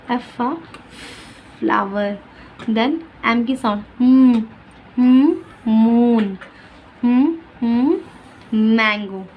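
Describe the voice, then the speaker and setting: A woman teaching phonics, sounding out each letter slowly and carefully. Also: a little high, slight background noise, low-quality recording. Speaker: teacher making kindergarten worksheets.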